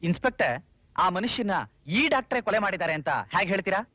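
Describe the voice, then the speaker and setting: An actor playing a lawyer who keeps teasing his friend with quick joking retorts. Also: high-pitched, animated, sharp tone, no echo, full character voice. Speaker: government lawyer.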